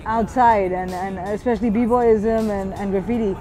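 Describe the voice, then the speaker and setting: A woman's voice: medium pitch, steady tone, moderate pace, mellow, poor audio. Reflective woman in her thirties over music. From Switzerland. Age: 30s. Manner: reflective, thinks aloud with small restarts. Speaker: graffiti artist. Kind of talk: documentary interview. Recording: hip-hop music playing underneath.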